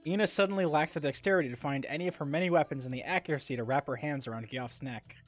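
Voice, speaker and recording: A man's voice: a little high, fast talker, soft background music. Casting: male streamer voice reading story text, wry and conversational. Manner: wry narration with asides. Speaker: streamer narrating a game. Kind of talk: reading a visual novel aloud on live stream.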